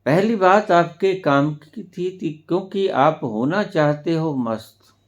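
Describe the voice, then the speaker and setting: A man giving a spiritual discourse as a teacher, speaking deliberately with sudden loud emphatic rises. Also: on the high side, expressive, muffled recording. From India.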